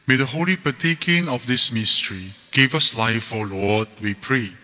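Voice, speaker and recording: A priest speaking the words of the Mass slowly and solemnly at the altar of a large church. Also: male voice, mid-range voice, bright, forceful tone. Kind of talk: liturgical speech at Mass. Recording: church hall reverb.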